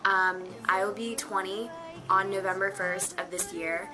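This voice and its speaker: A woman's voice: medium pitch, steady tone, a little slow. A nineteen-year-old woman chatting casually to camera from her bedroom, rambling with lots of fillers. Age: teens. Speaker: vlogger. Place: her bedroom on a rainy day.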